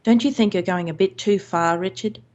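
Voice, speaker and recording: An actress playing a demanding, jealous middle-aged wife in an old-time radio drama, with an imperious, scolding manner. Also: female voice, medium pitch, moderate pace, darkish tone, dull audio, lightly acted.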